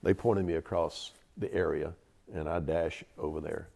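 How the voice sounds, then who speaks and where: A man's voice: low voice, steady tone, normal speed, creaky, warm tone. A man in his seventies from Georgia with a Southern accent, vividly recounting stories in an interview, repeating words for emphasis. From Georgia, USA. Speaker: interview guest, veteran. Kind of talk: storytelling interview.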